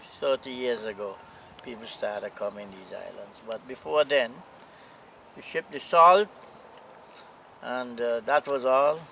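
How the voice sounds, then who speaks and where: A man in his eighties from Anguilla with a Caribbean accent, reminiscing casually in an unhurried, plainspoken way. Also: mid-range voice, creaky, a bit bright, poor audio. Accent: Anguillan Caribbean English. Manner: unhurried, plainspoken old seaman's talk with pauses. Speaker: retired sea captain, interviewee. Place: outdoors on a seaside hillside. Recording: outdoor camera audio with noise.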